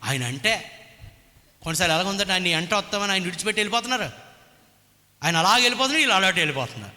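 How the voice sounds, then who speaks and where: A pastor preaching a sermon, asking the congregation rhetorical questions and half-singing hymn lines. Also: male voice, high voice, expressive, very fast, bright, forceful tone. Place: church hall. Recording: reverberant church hall.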